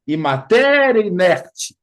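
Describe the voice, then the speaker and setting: A man's voice: sits high, slow pace. A man hosting a study group, explaining in a casual teaching talk and livening it up with playful imitations. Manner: animated storytelling with playful imitations.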